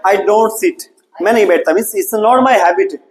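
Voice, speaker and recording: High-voiced Indian man drilling a class. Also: slow pace. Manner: switches between Hindi and English, drills students with call-and-response questions; encouraging, calls students "beta". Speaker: English teacher.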